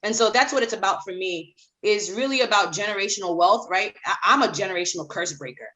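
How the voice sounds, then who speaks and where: A woman's voice: mid-range voice, fast talker, bright, forceful tone, low-quality recording. A middle-aged woman from Haiti, a children's author talking as a guest in a podcast interview, emphatic and repeating phrases for emphasis.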